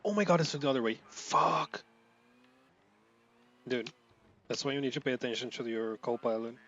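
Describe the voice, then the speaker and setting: Playing a racing game, a gameplay streamer from Brazil chats loosely, slurring words together, cursing, and yelling when he messes up. He speaks at normal speed in a medium pitch, and the recording has its high frequencies cut off.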